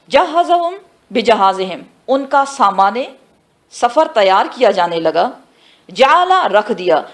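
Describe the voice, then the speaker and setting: A woman giving a tafsir lesson who asks her students questions and answers them herself, mixing in English phrases and slowing down for the Arabic words. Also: medium pitch. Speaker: Quran teacher. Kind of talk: tafsir class lecture.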